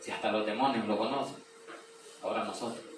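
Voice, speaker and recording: A man preaching at a Bible study, reading scripture slowly and loudly, then explaining it with questions to the group. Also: fairly low pitch, steady tone, music in the background. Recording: echoey room, mic far off, noisy.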